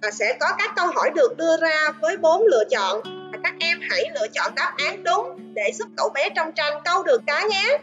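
A woman with a Vietnamese accent, an English teacher in a recorded online lesson, reading quiz items slowly and carefully. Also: extremely high pitch, sing-song, a bit bright, muffled recording, soft background music.

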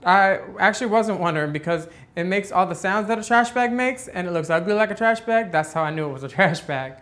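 Sassy, bright-voiced male drag queen. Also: sits high, lively intonation, brisk. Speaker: host. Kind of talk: sassy comic commentary on online video clips. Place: photo studio with grey backdrop.

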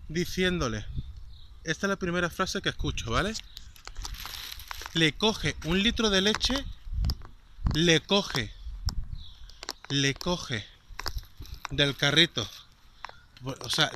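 A man's voice: on the high side, expressive, takes it slowly, pauses often, background noise. A man with a Spanish accent from Spain, telling a story in a rambling, indignant vlog. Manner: rambling and indignant, with many fillers. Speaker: vlogger. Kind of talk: casual storytelling.

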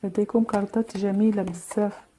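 A woman with a Moroccan accent reads tarot cards in a slow, tender monologue. Her voice is warm and mellow at an ordinary middle pitch. She pauses often, repeats half-words and slips in French phrases. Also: little pitch movement, a little hiss or hum. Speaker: tarot reader.

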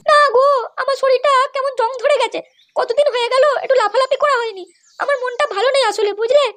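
A woman playing a coy flirty sister-in-law, very high. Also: steady tone, fast, background noise. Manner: coy, teasing. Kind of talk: comic cartoon voice acting.

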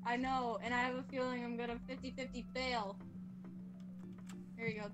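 A young woman with a high voice, playful and teasing as she chats through a game. Loud music runs behind her. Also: little pitch movement, moderate pace. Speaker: player in a group guessing game. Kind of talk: casual gaming chat.

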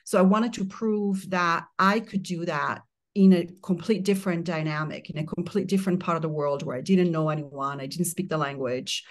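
Calm Italian-born woman, low voice. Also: moderate pace. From Italy. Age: middle-aged. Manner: calm, reflective, speaks in long flowing phrases. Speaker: guest. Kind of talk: casual interview chat. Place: remote mountain home, remote interview.

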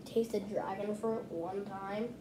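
A woman's voice: mid-range voice, fairly even intonation, takes it slowly. A woman vlogger in a chatty, hesitant way, talking into a bottle as she sniffs and tastes a drink. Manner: chatty, hesitant, restarts often. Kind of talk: casual taste-test vlog. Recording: echoey room with noise.

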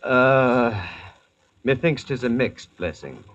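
A man's voice: medium pitch, expressive, slow, dull audio, loud music behind the voice. A man playing a stately, credulous medieval king with archaic diction, in 1940s radio drama style. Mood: awed. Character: grand, credulous King Arthur, awed by modern marvels. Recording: noisy old radio drama recording.

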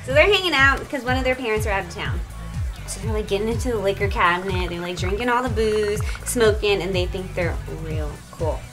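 A woman spins a spooky tale in a loose, chatty way. She leans on filler words and keeps checking in with her listener. Music plays softly behind her. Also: medium pitch, expressive, brisk. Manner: chatty, lots of "like" and "right?", acts out voices. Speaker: storyteller. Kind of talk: casual comedic storytelling.

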